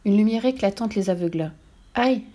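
A woman narrating a children's storybook in a calm, even manner. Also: fairly low pitch, fairly quick. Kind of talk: storybook reading.

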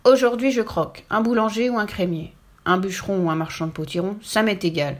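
A woman voicing a hungry, clumsy, polite little male ogre-cricket in a storybook reading, with a raised, whiny, excitable voice. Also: medium pitch, a little fast, close to an everyday voice. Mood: determined.

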